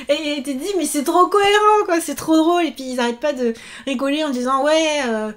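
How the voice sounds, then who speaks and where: A woman in her thirties with a high-pitched voice, talking casually to her viewers. She chats in an animated way and often pauses on fillers as she rambles through her week. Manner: chatty, animated, many fillers. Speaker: YouTuber and author. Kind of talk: casual chat vlog.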